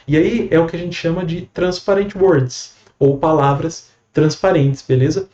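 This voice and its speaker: A man with a Brazilian Portuguese accent teaching a casual online English lesson, relaxed and full of fillers and quick "beleza?" check-ins. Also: a little high, reverberant, lo-fi sound.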